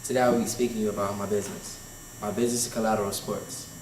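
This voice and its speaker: A teenage boy with a lowish voice rattles off a quick, rehearsed introduction. He sounds set back from the mic in an echoey room. A faint hum runs underneath. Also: flat delivery, darkish tone, recorded from a distance. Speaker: student. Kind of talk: class presentation.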